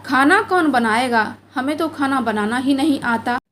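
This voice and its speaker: Woman doing a spoiled young bride in a storybook tale, pleading and complaining, high voice. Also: animated, normal speed, background noise. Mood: upset. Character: spoiled young married woman, later remorseful.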